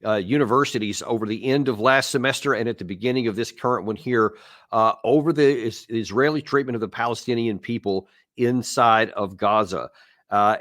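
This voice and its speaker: A man's voice: mid-range voice, no room sound, clean studio sound. A man hosting an interview, talking loosely with many fillers and restarts. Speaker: interview host. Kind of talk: conversational video interview.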